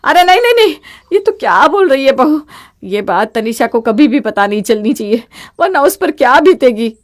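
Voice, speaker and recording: A bossy middle-aged mother-in-law scolds and commands in a loud, fairly high voice, as a woman voices her. She belongs to an animated family storybook, always ordering everyone around. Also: normal speed, close to an everyday voice. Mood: scolding.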